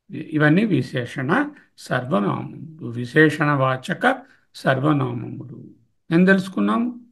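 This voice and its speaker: A man's voice: on the high side, creaky, a bit bright, breathy edge. A man teaching Sanskrit grammar, listing forms and explaining them in mixed with English terms. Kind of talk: grammar lecture.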